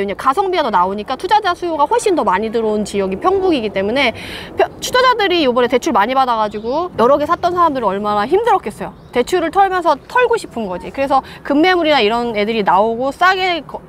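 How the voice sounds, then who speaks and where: Fast, lively high-pitched woman. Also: slight background noise. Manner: animated, quotes agents in lively voices. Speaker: real estate investment guest. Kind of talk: casual discussion.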